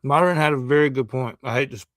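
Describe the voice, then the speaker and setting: A stream host reacting to a clip, talking while eating and explaining his points in a measured, lecturing way. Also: medium pitch, a bit bright, no echo. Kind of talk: live reaction commentary.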